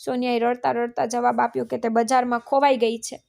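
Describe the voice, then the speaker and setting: A woman narrating a scripted family story in a flat, even reading. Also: a little high, a little fast, gravelly.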